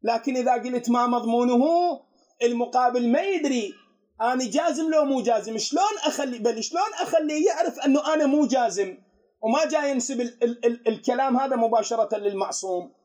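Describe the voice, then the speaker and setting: A man with an Iraqi Arabic accent teaches religious students as a cleric. His voice sits very high and he talks quickly, often posing questions to his listeners before answering them himself. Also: a little mellow. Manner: explanatory, poses rhetorical questions to his students. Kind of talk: religious lesson.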